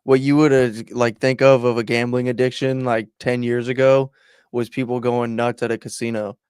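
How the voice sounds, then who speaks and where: A man's voice: medium pitch, little pitch movement, moderate pace, darkish tone, clean tone, dry recording, studio quality. A young man co-hosting a podcast in laid-back casual chat, laughing often and swearing casually. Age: young adult. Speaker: podcast co-host.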